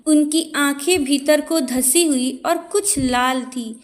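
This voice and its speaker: A woman reciting a devotional scripture in a slow, measured, solemn manner. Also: high voice.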